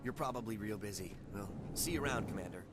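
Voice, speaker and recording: A man's voice: fairly low pitch, fast, noisy background, natural voice. An actor voicing a friendly male station resident in a video game, chatting casually.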